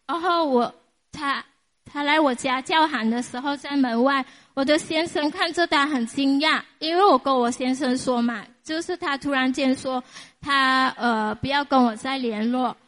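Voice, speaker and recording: A woman with a high voice tells her personal faith testimony. She speaks in halting bursts, with fillers and small nervous laughs, and repeats words for emphasis. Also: a bit bright. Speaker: church member giving a testimony.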